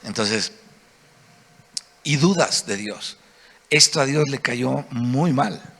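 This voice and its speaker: A man with a Mexican accent preaching a sermon, telling the story in a lively way and acting out what the people in it say. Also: mid-range voice, slow. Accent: Mexican Spanish. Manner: animated storytelling, acting out the quoted voices. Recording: reverberant hall.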